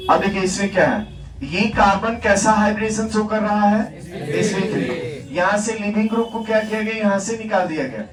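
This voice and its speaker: A man's voice: sits high, lively intonation, fairly quick, music in the background. A man teaching a chemistry class in Hindi, asking the students questions and answering them himself, repeating key words for emphasis. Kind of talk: classroom lecture. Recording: echoey classroom, distant mic, background noise.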